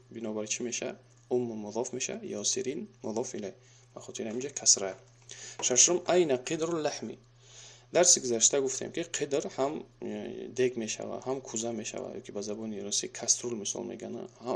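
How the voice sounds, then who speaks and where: A man with a Tajik accent, teaching an Arabic grammar lesson. He patiently reads each example slowly, repeats it, then translates and explains. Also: mid-range voice, vocal fry.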